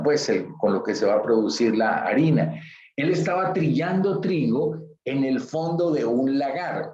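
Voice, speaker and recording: Male pastor, emphatic repetitive sermon delivery; warm, roomy church recording. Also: medium pitch, lo-fi sound. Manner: repetitive, emphatic preaching with rhetorical questions.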